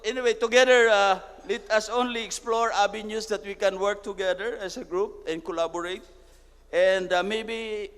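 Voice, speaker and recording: Filipino man, high voice, halting conference talk, long hall echo. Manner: halting, many fillers, trails off quietly. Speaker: conference speaker, farmers' representative. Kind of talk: conference speech mixing English and Filipino.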